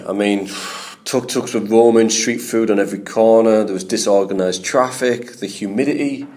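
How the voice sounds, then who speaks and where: A man tells a travel story in a casual, wandering way. His voice sits a little low, and he circles back with fillers and restarts as he reminisces. It sounds like a relaxed personal recollection. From England. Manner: rambling and reflective, many fillers.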